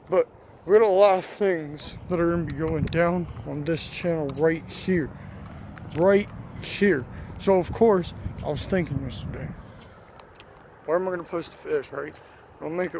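A man's voice: a little high, a little mellow, slight background noise. Breathless young man rambling outdoors. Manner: rambling, repeats "of course" constantly. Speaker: vlogger. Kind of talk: casual vlog chat.

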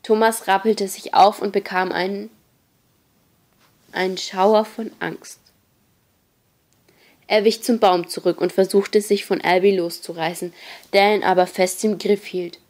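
A woman narrating an audiobook in a plain, even storytelling manner. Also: medium pitch, measured pace, pauses often. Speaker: audiobook reader.

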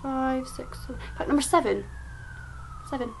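A woman's voice: medium pitch, a little slow, a little hiss or hum, rough recording. A seventeen-year-old woman from Scotland with a Scottish accent, chatting playfully and poking fun at herself in a casual home vlog. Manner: chatty, self-mocking and playful. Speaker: vlogger.

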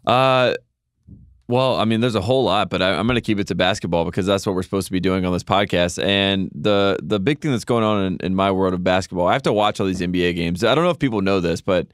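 A man's voice: low-pitched, quick pace, clean tone, dry recording, studio quality. A man co-hosting a podcast, telling stories in a wry, joking way in casual chat. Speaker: podcast co-host.

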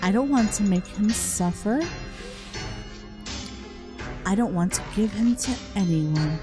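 A woman voicing a possessive ghost mother, low, slow and menacing, reading game dialogue. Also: lively intonation. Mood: cold. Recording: game music underneath.

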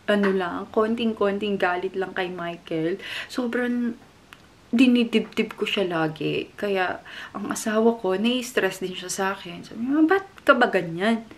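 A young woman from the Philippines, chatting casually to the camera in a vlog, emotional and quick to laugh. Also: mid-range voice, darkish tone. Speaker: vlogger.

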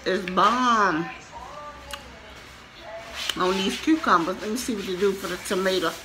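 A woman with a relaxed drawl talks to her viewers with her mouth full, chewing between words. She sits at home in front of a camera, with steady background noise in the recording. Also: medium pitch, a little slow. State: chewing while talking. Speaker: mukbang vlogger. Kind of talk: casual chat to viewers while eating. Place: home, indoors.

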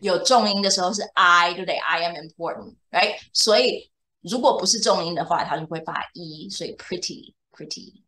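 She has a fairly low, sharp-toned voice and talks fairly quickly. Tutoring a young student in English one on one, she explains patiently in a bilingual lesson and frequently checks that the student follows.

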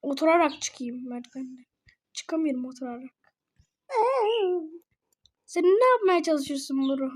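A woman chatting playfully through a game, excitable and quick to laugh, calling her friend bro. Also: high-pitched. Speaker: gaming video host. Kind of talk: casual gameplay chatter.

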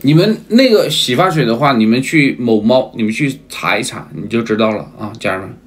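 A man's voice: medium pitch, lively intonation, fairly quick, faint music behind. A man on a livestream who keeps calling his viewers family, repeats himself and asks again and again whether they agree. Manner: repetitive, emphatic. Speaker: livestream seller.

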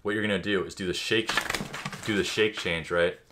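A man's voice: low voice, fairly even intonation, normal speed, background noise. A man giving a mock magic tutorial commentary in an offhand, boastful, know-it-all way. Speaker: YouTuber.

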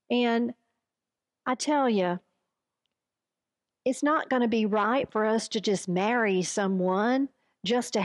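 Slow, earnest woman preaching a sermon. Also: a little high, dry recording, clean studio sound. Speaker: pastor.

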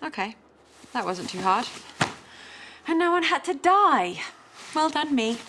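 A sarcastic young female villain from a British soap drama. Her voice sits high and swings widely, and she delivers the mockery slowly. A faint noise hangs behind the scenes. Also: very animated. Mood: playful. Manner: taunting, sarcastic.

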